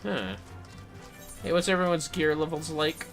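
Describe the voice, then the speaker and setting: An androgynous streamer plays a game and chats in a casual, playful livestream, muttering to themselves and cursing freely. The voice is medium-pitched with lively intonation and an unhurried pace, and faint music sits behind it.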